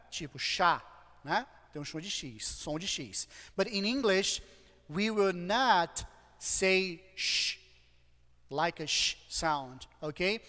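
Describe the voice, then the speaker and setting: A man's voice: high-pitched, fairly bright tone, big-room sound. A Brazilian man teaching an English lesson, reading example sentences aloud and stopping to check that his students follow. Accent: Brazilian Portuguese. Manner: slow, patient, drawn-out model readings with frequent "okay?" checks. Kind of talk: online class lesson, switching to Portuguese to explain.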